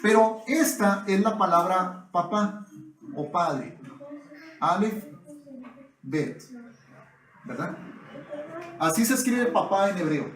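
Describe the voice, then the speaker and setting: Slow-speaking preacher man in an echoey hall. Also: high-pitched, lively intonation. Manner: addresses the congregation as brothers, asks for agreement often. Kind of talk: sermon.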